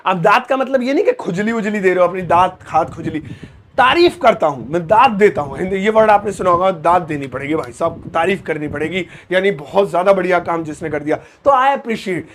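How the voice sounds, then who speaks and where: Male English tutor, higher-pitched voice, playful classroom patter, slow repeats while writing. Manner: lively, jokey, teasing asides to students. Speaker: English teacher. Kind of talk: casual Hindi-English lesson at a board.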